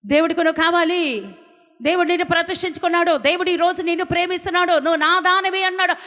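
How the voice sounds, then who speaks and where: A woman preacher from India giving a fervent sermon, swinging from loud declarations to hushed, pleading lines. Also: very high voice, very fast. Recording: long hall reverb.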